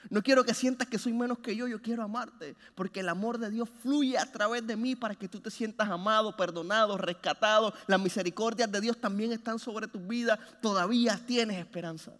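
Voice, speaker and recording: A man preaching a sermon, passionate, rising to loud urging and then dropping to hushed, low phrases. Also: steady tone, fairly quick, hardly any pauses. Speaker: pastor. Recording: long hall reverb.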